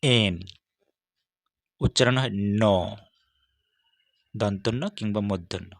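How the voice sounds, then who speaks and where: Low-voiced man teaching a dry lesson. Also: dry recording. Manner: measured, steady letter-by-letter explanation. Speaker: English teacher. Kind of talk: scripted lesson on English consonant sounds.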